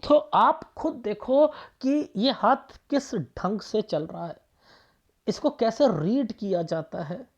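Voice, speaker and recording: A man's voice: high-pitched, animated, slow pace. A man reading a palm aloud for viewers as a palmist, firing off rhetorical questions and repeating phrases for emphasis.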